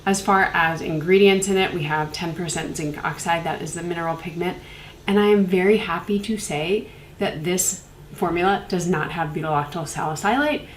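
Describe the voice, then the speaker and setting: A woman's voice: on the low side, moderate pace, echoey room, slight background noise, poor audio. A young woman with a congested voice from a cold, chatting casually and rambling with many fillers as she reviews skincare. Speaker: beauty reviewer. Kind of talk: casual product review vlog.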